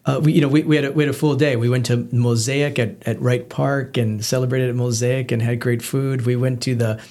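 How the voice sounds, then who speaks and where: A man's voice: medium pitch, steady tone, a little fast, a little mellow. A man from Hawaii, a candidate guest on a radio interview, talking steadily and upbeat with plenty of fillers.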